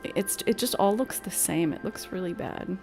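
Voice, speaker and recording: A woman's voice: medium pitch, normal speed, creaky, darkish tone, faint music behind. A young woman streamer chatting casually while gaming, swearing and laughing at herself.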